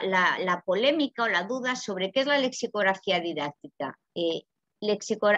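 A woman from Spain with a Peninsular Spanish accent giving a lively, chatty seminar lecture and asking the audience questions. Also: mid-range voice, no echo. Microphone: video call. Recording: dull, dry video call audio.

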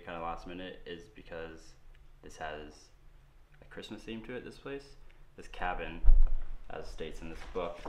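Low-voiced young man with gravelly tone. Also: slight background noise. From Canada. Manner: relaxed, rambling, thinking aloud. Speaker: vlogger. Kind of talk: casual vlog talk and scripted voice-over narration. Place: small wooden cabin in snowy woods.

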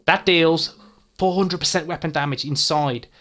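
A young man hosts a gaming video, running through gear stats in an eager, chatty way. He swears casually and trips over his words in his excitement. His voice sits a little higher than most men's. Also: moderate pace. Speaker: gaming YouTuber. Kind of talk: game build walkthrough.

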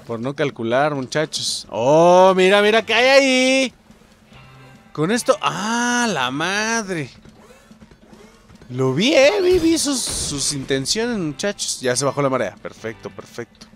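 A man with a Mexican accent doing excitable let's-play commentary, swearing and exclaiming at the game while talking to viewers. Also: high-pitched, slow, faint music behind. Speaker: gameplay commentator.

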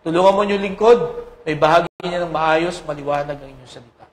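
Male pastor, sermon, high voice, tag questions and fillers, roomy church echo. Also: fast, slight background noise. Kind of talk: sermon with prayer and scripture reading. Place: church sanctuary.

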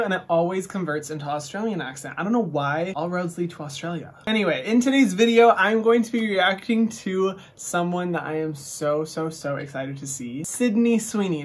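A man in his twenties hosting a casual reaction vlog, gushing and animated, with casual swearing. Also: high voice, slight background noise. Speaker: host.

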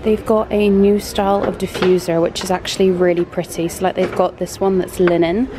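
A woman's voice: on the low side, flat delivery, fairly quick. A young British woman chatting casually about bargains while filming herself shopping in a large store. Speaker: home shopping vlogger. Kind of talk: casual shop-with-me narration. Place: large indoor homeware store. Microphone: handheld camera. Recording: noisy store ambience.

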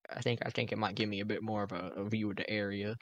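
A man putting on a fake, forced Southern accent as a gruff, foul-mouthed military general in an improvised game role-play. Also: on the low side, fairly even intonation, fast, dry recording, highs cut off, close to an everyday voice. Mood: folksy, gruff. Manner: forced, folksy drawl with cursing.

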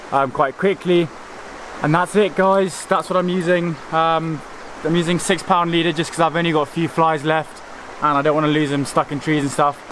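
A young man with a fairly high voice hosts a fishing vlog outdoors beside a river, with plenty of background noise. He chats casually, walking viewers through each step and calling them "folks" and "guys." He's recorded on a handheld camera held at arm's length.

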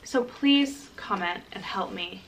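A woman in her early twenties chatting casually to camera in a bubbly, excitable sorority-girl manner, often dropping in "like" as filler. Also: mid-range voice, takes it slowly, a little hiss or hum, poor audio. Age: early 20s. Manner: frequent filler "like". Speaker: college vlogger. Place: parked car and small bedroom. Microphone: camera at about arm's length.

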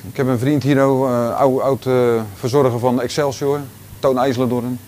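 A man in his forties with a Rotterdam Dutch accent, giving a relaxed walking tour of his large indoor gym, talking casually with lots of fillers and restarts. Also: mid-range voice, moderate pace, slight background noise. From Netherlands. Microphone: handheld camera following him.

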